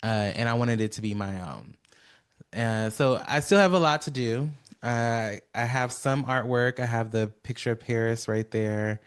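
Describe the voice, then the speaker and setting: A man hosting his own podcast alone, rambling with many fillers and long pauses, sounding tired, recorded on a phone. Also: medium pitch, steady tone, smooth. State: tired, yawning. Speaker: podcast host. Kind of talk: solo podcast monologue.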